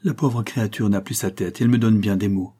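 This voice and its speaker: A man voicing a troubled village molder who stammers and speaks in a hushed, uneasy way. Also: fairly low pitch, steady tone, quick pace, husky.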